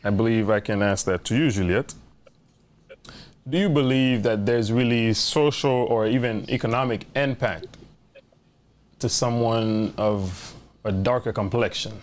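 Over a video call picked up by a webcam, a man hosts a panel discussion, offering brief and welcoming introductions. His voice is lowish and a little slow.

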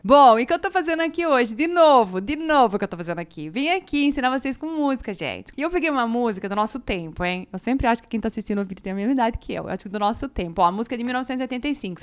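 A woman's voice: on the high side, fairly bright tone, smooth. A Brazilian woman in her forties with a Brazilian Portuguese accent, hosting a casual English lesson through music and talking straight to her viewers in a chatty, playful way. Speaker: English teacher and channel host.

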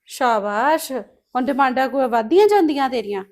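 A woman's voice: high-pitched, expressive, a little fast, darkish tone. A woman playing a strict mother who scolds her daughter and insists she get ready. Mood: scolding. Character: strict young mother, firm with stubborn daughter. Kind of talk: family drama acting.

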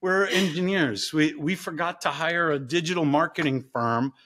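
A middle-aged man, a guest professor, telling a story in a casual, animated interview. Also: moderate pace. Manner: animated, acts out story voices with big pitch jumps. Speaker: guest, professor and ice bath company co-founder.

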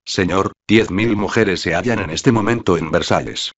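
A man's voice: sits low, normal speed, muffled recording. A man voicing a loyal nobleman messenger who reports respectfully and in haste. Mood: urgent.

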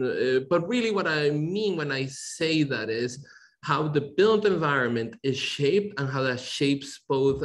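A middle-aged man from Colombia, an architect speaking in an academic webinar, hesitant, with many fillers and restarts, heard over a video call. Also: fairly high pitch. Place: home room, video call. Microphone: computer mic on video call.

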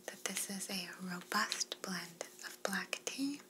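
A woman's voice: mid-range voice, expressive, takes it slowly, heavy background noise. A young woman playing an attentive, courteous flight attendant in a whispered role-play, speaking politely as she offers service. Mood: courteous, soothing. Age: young adult.

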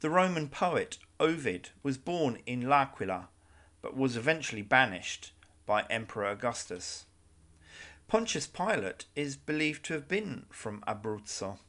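Male narrator for a travel guide video, measured delivery with wry asides, mid-range voice. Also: mid-range voice, big pitch swings, bright, forceful tone.

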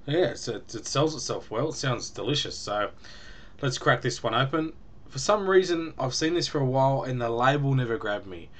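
Indoors in a small room at home, a young man reviews a beer on a webcam, his medium-pitched voice moving at a moderate pace with lively intonation. He is casual, chatty and rambling, dropping ums and small laughs.

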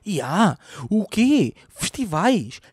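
A man's voice: sits high, sing-song, takes it slowly, husky, no echo, clean studio sound. A man with a Lisbon Portuguese accent, hosting a solo podcast, rambling and swearing a lot as he talks. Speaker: podcast host and comedian. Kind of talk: casual solo podcast monologue. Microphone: podcast microphone.

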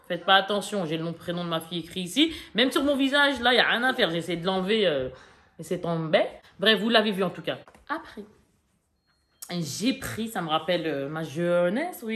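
A woman's voice: mid-range voice, a bit bright. A chatty woman in her forties talking casually to viewers as she shows off a shopping haul. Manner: chatty, talks straight to viewers, many fillers and asides. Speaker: vlogger showing a shopping haul. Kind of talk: casual haul vlog chat.

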